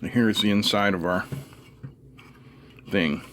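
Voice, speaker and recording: Slow and steady, a middle-aged man with a lowish but fairly bright voice narrates an electronics teardown he's hosting. He keeps it casual and unscripted, muttering as he works, and the room recording is noisy and has clicks.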